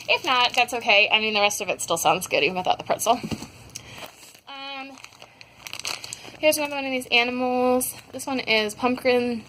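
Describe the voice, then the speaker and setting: A young haul vlogger gives a laid-back review of scented wax melts at home, rambling and filling her speech with ums and likes. She has a fairly high voice, and there's noise in the background.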